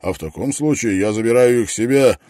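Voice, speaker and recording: A man reading aloud plays a menacing male hunter who mocks and gloats, loud and taunting. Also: medium pitch, brisk, dry recording, clean studio sound, pitched above the performer's own voice, close to an everyday voice. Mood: gloating.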